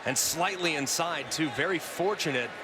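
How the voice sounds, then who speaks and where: Male football analyst over loud noise. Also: on the high side, moderate pace. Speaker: color analyst, quarterback. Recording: loud stadium noise behind.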